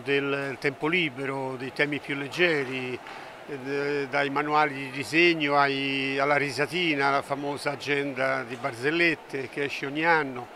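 An older man speaks into a handheld microphone at a busy book fair stand. His voice sits a little high for a man, and he explains things in a measured way, pausing on fillers. Loud hall noise surrounds him. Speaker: publisher. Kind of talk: trade fair interview. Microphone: handheld mic held by interviewer. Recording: noisy fair hall ambience.

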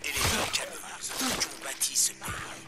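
A man's voice: fairly high pitch, normal speed, over loud music. An actor playing a ranting, preachy male radio broadcaster in a video game, heard as a fading shortwave radio broadcast. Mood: defiant rant. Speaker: radio show host.

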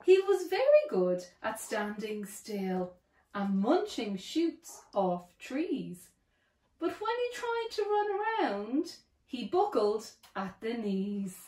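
Woman reading a kids' rhyming book, slow and sing-song, slightly high voice. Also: wildly swooping pitch, dark tone. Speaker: storybook reader. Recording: echoey room.

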